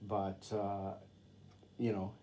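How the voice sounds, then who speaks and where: A native English speaker who teaches English in Japan talks casually to camera, reading Japanese sentences aloud and explaining them with plenty of fillers. His fairly low, dark voice is monotone, with drawn-out words.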